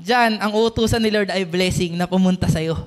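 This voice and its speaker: A man preaching an energetic sermon, calling out to the congregation and often shouting. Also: high voice, moderate pace.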